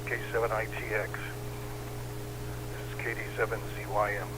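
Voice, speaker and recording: A man acting as net control on an amateur radio net, calling out call signs slowly and measuredly, heard as a radio transmission under static hiss. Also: fairly low pitch, flat delivery. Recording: distant radio audio with loud static.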